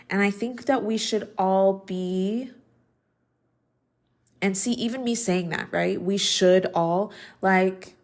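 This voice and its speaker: A woman's voice: medium pitch, a little mellow. 30s woman rambling on her podcast, chatty and thoughtful, lots of um and like. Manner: chatty and reflective, with many ums and likes. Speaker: podcast host. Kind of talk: casual solo podcast talk.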